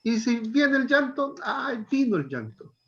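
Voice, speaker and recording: Man, middle-aged, high voice, gentle counselor, lo-fi call sound. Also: sing-song, unhurried. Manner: gentle, coaxing, checks in with "¿ya?". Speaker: biblical counseling teacher. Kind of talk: pastoral counseling class.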